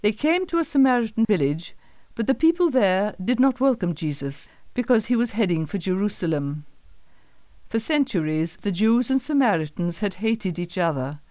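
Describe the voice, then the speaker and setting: Woman reading a bible story, calm and steady, super dry close mic sound. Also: mid-range voice, no room sound. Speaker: narrator. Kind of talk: scripted Bible story narration.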